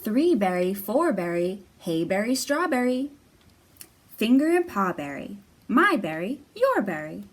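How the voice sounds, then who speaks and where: Very animated yet measured in pace, a medium-pitched female voice leads young children's storytime, mixing teaching with a picture-book read-aloud. She uses simple, repetitive, encouraging phrases. The library room is noisy and the mic far away.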